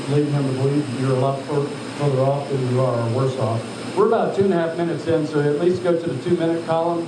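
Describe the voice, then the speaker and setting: Echoey distant man instructing over loud noise. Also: on the high side. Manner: directive, questioning, addresses trainees as sir. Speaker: altitude chamber instructor. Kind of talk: live instruction, checking on trainees. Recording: echoey, distant mic, loud machinery hum.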